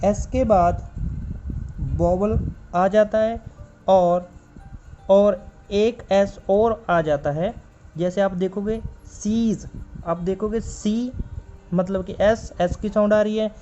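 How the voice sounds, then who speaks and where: Here the stenography teacher's voice sits high with a dark tone, and there's slight background noise on a dull, lo-fi recording. He talks through the lesson step by step as he writes, patiently explaining, repeating key points, and spelling out letters.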